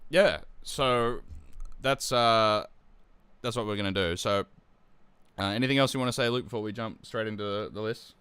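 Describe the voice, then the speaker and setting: A young man with a very low voice that still comes across bright and forceful, talking through a live stream in a loose, easygoing way. He fills his sentences with ums and stops to restart them. His voice sits close and dry, with hardly any room sound. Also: smooth, dry recording. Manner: relaxed, with frequent fillers and restarts. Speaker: tournament organizer and stream host. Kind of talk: casual live-stream chat.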